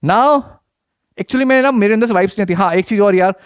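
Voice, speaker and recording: A young Indian man with a high voice lectures for exam prep, switching between Hindi and English and firing questions at his students. He repeats key points to drive them home. The recording is dry and a little dull. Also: fairly quick, clear, resonant tone, dry recording. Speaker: teacher. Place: teaching studio.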